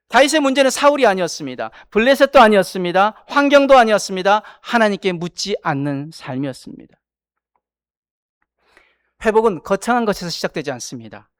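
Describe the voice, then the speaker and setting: A male pastor delivers a sermon in a high-set voice with an animated, swooping pitch. He drives his points with stacked parallel statements and questions to the congregation. The sound is close and dry, with little room echo. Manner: rhetorical preaching with repeated parallel phrases and questions to the congregation. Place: church sanctuary.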